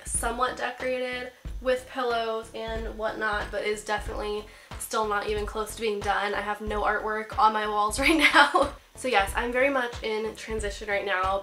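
A young lifestyle vlogger in her twenties speaks in a fairly high, pushed, bright voice while getting over a cold. Seated on the bed in her small apartment's bedroom, she gives an upbeat, chatty tutorial peppered with "like."

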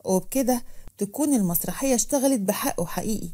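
A woman voicing a vengeful, scheming young man with an Egyptian Arabic accent, muttering threats in a lowered voice. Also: animated, fast talker, dark tone, a little hiss or hum, natural voice.

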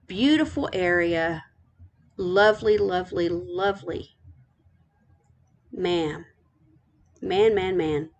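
A middle-aged woman gives a casual tour, her voice sitting at an ordinary middle pitch. She gushes and repeats words of praise over and over. A faint hum of ambience sits behind her. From Texas. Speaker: island tour host. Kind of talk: casual game island tour narration.

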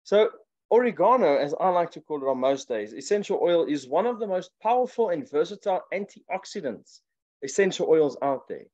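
A man's voice: fairly high pitch, big pitch swings, fairly quick, darkish tone. A man talking on a casual online call in a playful manner. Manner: playful, laughing lightly. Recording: dull lo-fi online call audio.

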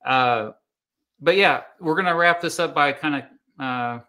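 A man hosting a casual online panel livestream, relaxed and friendly as he directs the talk and wraps up. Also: fairly high pitch, a little slow. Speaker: livestream host.

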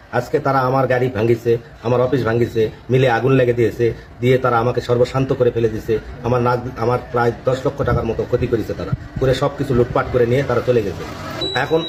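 With clear noise behind him, a Bangladeshi man gives an aggrieved account as a victim. He talks quickly at a medium pitch, repeating his points. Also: darkish tone. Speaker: victim giving testimony. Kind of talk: unscripted testimony to camera.

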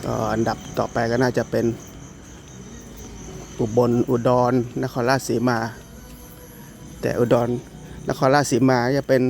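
A man with an Isan Thai accent talks his way through a casual walking vlog, his voice gravelly with fry. He rambles and restarts his sentences. Loud traffic and street ambience fill the outdoor night recording. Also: mid-range voice, flat delivery, measured pace, long pauses. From Isan, northeastern Thailand. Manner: rambling, with many restarts and fillers. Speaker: vlogger.

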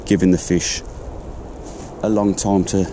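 A man with a fairly low voice talks through his fishing outdoors, explaining each step in a relaxed way. He is recorded on a chest-mounted action camera by a canal. Clear wind and outdoor noise sit behind him. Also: unhurried. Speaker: angler vlogger. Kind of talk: fishing commentary.

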